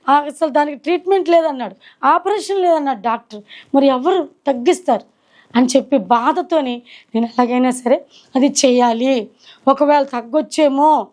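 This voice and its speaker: A middle-aged woman sharing her personal faith testimony at home, earnest and reflective, pausing and slowing as she recalls. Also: high voice, a little mellow. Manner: earnest, reflective storytelling with slow hesitations. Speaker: testimony speaker. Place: indoors at her own home.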